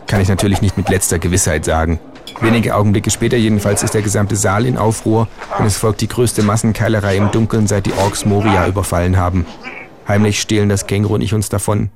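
A man narrating a first-person comic audiobook in a dry, deadpan way. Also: lowish voice, fairly quick, music in the background.

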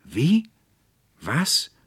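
A man's voice: low voice, unhurried, bright, forceful tone, no echo. A man voicing an irritable, pompous older male schoolmaster who grumbles indignantly. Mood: alarmed.

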